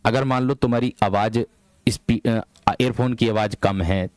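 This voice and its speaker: A young man teaching a live online Hindi grammar class for police exam students. He speaks slowly and deliberately, repeats phrases and calls the students "my brave one" in a firm, hard-edged voice. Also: on the low side, fairly even intonation, darkish tone, no room sound. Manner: deliberately slow, drawn-out delivery.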